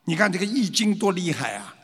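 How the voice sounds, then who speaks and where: Speaking quickly in a high voice with a breathy edge, this man delivers an animated lecture on traditional culture, posing rhetorical questions and sometimes imitating frightened voices. A long reverb tail trails his words.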